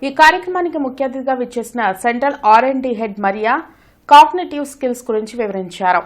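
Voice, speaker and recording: Female newsreader, quick formal read, slightly high voice. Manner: brisk, formal delivery. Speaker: news reader. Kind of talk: scripted news reading.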